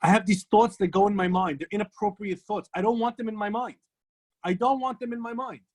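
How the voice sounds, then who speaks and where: A frantic, troubled man pours out his complaint in quick, fed-up bursts, as a rabbi acts him out in a class. The lines come fast and indignant. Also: sits high, fairly even intonation, darkish tone. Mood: pleading. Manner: rapid, exasperated outbursts.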